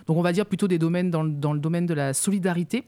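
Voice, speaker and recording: A woman with a lowish, warm voice speaks in rapid-fire fashion as a guest on local radio. She is a youth mobility officer explaining her work at length in an interview, with many hesitations.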